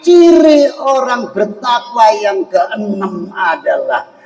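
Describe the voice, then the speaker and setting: Animated, gravelly preacher in an echoey hall. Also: male voice, high-pitched, slow pace, recorded from a distance, faint music behind. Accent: Indonesian. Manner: jokey, animated, acts out quoted voices. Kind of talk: lively Ramadan sermon. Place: mosque hall at a fast-breaking event.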